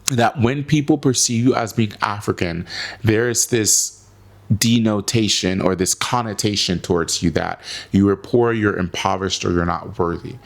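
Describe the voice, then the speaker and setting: An American man with a slightly low voice speaks straight to his viewers. He talks with emphasis and stacks repeated phrases for effect, as if making a case in a monologue. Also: normal speed, gravelly. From United States. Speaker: video host. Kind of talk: opinion commentary to camera.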